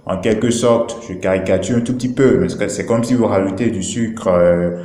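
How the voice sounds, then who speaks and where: A man's voice: fairly low pitch, moderate pace, dark tone. A man explaining a drink's nutrition label in a casual video talk, hesitant and full of fillers, often checking in with his viewers. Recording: echoey room.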